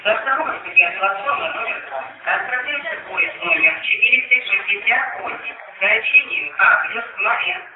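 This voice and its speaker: A man reading formal, measured public-address announcements at a railway station, in the manner of an airport announcement. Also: mid-range voice. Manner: formal, measured announcing with set phrases repeated. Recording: echoey distant station loudspeaker, muffled lo-fi.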